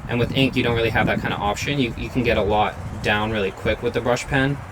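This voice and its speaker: A young man with a mid-range voice and fairly even intonation talks fast and easily, peppering his speech with "like," as he hosts a casual chat while drawing portraits. The home recording has faint noise.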